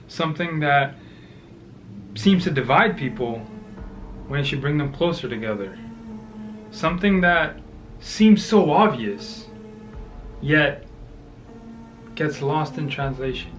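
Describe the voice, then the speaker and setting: A man's voice: mid-range voice, a bit bright. A man hosting his own video channel, talking earnestly to the camera and pressing strangers on a video chat with questions. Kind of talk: casual vlog intro and debate.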